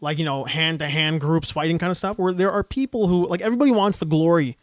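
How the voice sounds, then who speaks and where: High-voiced middle-aged man telling stories. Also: fast talker, no echo. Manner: animated storyteller. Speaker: co-host. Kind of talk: casual podcast chat.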